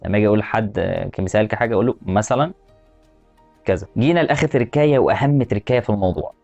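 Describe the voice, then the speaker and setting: A man with an Egyptian Arabic accent teaching a language lesson, repeating example words slowly and asking the viewer questions. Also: on the low side, gravelly, darkish tone, lo-fi sound, soft background music. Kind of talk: explanatory lesson.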